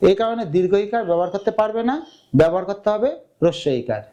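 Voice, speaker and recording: A young male teacher gives a step-by-step grammar lesson for exam preparation. His voice sits high for a man yet sounds warm and mellow. He keeps asking his students questions and answering them himself. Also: quick pace.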